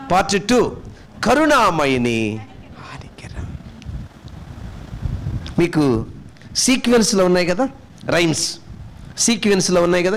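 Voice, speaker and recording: Man, pastor, Telugu accent, sermon, high voice, questions the listeners. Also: a little hiss or hum. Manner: animated, asks the congregation questions, swings between loud and soft.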